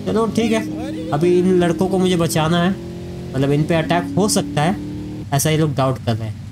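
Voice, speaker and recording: A man's voice: fairly high pitch, moderate pace, over music. A man giving casual let's-play commentary, chatting to his viewers as friends. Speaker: gaming YouTuber.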